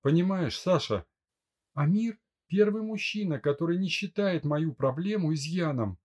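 A man's voice: on the high side, expressive, normal speed, darkish tone, pitched above the performer's own voice. A man reading a young woman in an audiobook, stubborn and pleading in turns. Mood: tearful pleading. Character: young woman, headstrong bride-to-be. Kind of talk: audiobook character voice.

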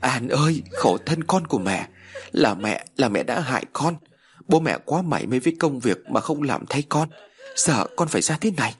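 A man's voice: medium pitch, expressive, normal speed, pitched above the performer's own voice, natural voice. A man voicing a grieving village mother who wails and laments over her lost child in a spoken horror story. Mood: grief-stricken. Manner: wailing, lamenting.

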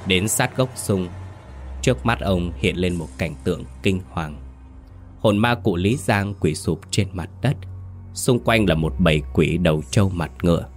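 A man giving grave, measured scripted narration of a horror story. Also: low-pitched. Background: faint music.

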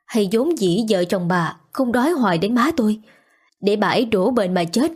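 A woman's voice: mid-range voice, lively intonation, moderate pace, a little mellow, husky. A woman voicing a grieving young wife who confronts those who let her mother die. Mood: furious. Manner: pleading, then accusing. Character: young wife, grief-stricken and furious.

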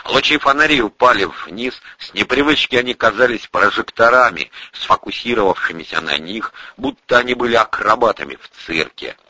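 A man reads an audiobook in a lowish, husky voice with a bright, forceful tone and lively swings in pitch. The recording is dull and dry. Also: moderate pace, few pauses, no room sound. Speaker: audiobook narrator. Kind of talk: audiobook narration.

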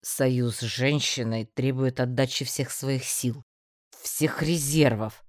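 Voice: medium pitch, steady tone, moderate pace, a little mellow, no room sound, clean studio sound, close to an everyday voice. A reader doing a stern, lofty mage. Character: stern, prim young male mage.

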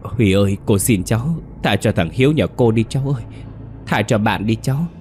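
A distraught village woman, voiced by a man, begs a spirit to spare her boy. The pleading is carried in a deep, low voice, like a storyteller's rendition. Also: lively intonation, brisk, a little mellow, faint music behind, close to an everyday voice. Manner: desperate pleading.

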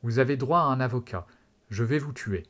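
A man putting on a flat robotic deranged cop. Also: medium pitch, fairly quick, lightly acted. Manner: flat and robotic, then screaming.

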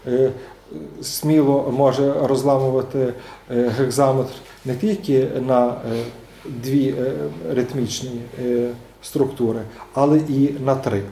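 A man's voice: medium pitch, fairly even intonation, measured pace, dark tone, a little hiss or hum. A man giving an academic seminar lecture, hesitant, with many filler sounds and restarts. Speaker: seminar speaker. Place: seminar room. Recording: echoey room.

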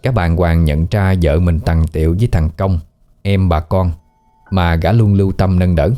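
Deep mellow guy reading a spooky story, quiet music underneath. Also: fairly even intonation, normal speed. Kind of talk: scripted story narration.

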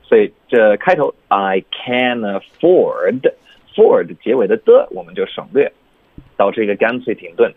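A low-voiced man explains pronunciation rules in a radio lesson, slowing right down to model each sound. His voice is husky and dry, with a tinny, phone-like radio quality. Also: sing-song, dry recording. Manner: slow, drawn-out demonstrations of English sounds. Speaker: English pronunciation teacher.

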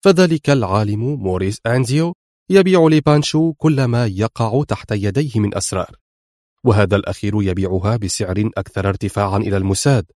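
A man voicing a middle-aged intelligence chief in an audiobook, speaking firmly and gravely. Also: fairly low pitch, darkish tone, dry recording, clean studio sound, lightly acted. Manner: firm, grave.

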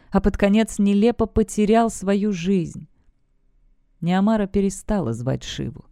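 Warm, smooth fantasy audiobook narrator. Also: mid-range voice, dry recording, studio quality.

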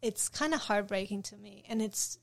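A woman's voice: mid-range voice, moderate pace, gravelly. Polish woman, reflective interview guest. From Poland. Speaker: guest artist. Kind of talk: casual interview conversation.

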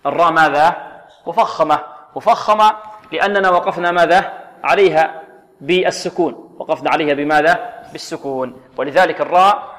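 A man's voice: a little high, fairly bright tone. Man teaching Quran recitation in reverb. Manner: slow drawn-out letter drills and rhetorical questions. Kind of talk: tajweed lesson with call-and-repeat drills.

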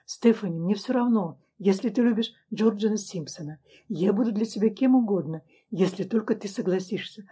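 A woman's voice: mid-range voice, normal speed, hardly any pauses, dark tone, breathy edge. A woman reading the lines of a passionate, intense man in love in an audiobook, in an earnest, pleading tone.

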